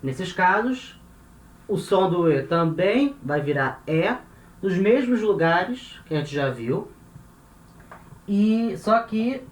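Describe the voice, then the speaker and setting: A man with a Brazilian Portuguese accent, teaching a lesson and patiently repeating and spelling out each example. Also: high voice. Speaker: language teacher. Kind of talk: explaining French grammar in Portuguese. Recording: echoey room with faint noise.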